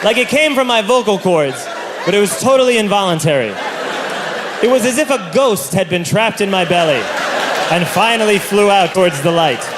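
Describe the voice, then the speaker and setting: A man telling a stand-up comedy story in an animated, theatrical way, moving between loud bursts and low asides. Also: normal speed, a crowd in the background, background noise.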